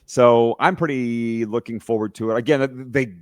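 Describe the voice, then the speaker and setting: A man's voice: medium pitch, fairly even intonation, normal speed, darkish tone, dry recording, studio quality. A man who hosts another hockey podcast, a guest here, giving opinions in long, run-on casual chat.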